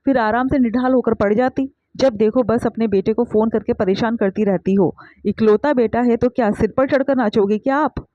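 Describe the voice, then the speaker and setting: A woman's voice: a little high, dry recording, close to an everyday voice. A woman voicing a spoiled young wife who hurls scornful accusations, heard on a dull lo-fi recording. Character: sharp-tongued young wife, spoiled and resentful.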